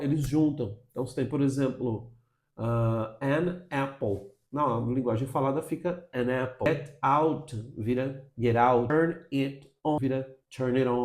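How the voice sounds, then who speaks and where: A Brazilian man with a Brazilian Portuguese accent teaches in an explanatory, chatty way, often checking in with the listener. His voice is warm and mellow at a middle pitch. The room gives it a noticeable echo. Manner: explanatory, frequent "tá?" check-ins. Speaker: English teacher. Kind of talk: video lesson.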